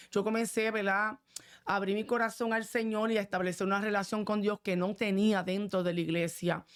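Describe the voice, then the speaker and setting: A woman pastor telling her testimony in an earnest, heartfelt way. She speaks at an everyday middle pitch and often drops little asking asides to her listener as she goes. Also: smooth. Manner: earnest, fervent, many filler asides. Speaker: pastor, guest. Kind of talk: testimony in casual chat.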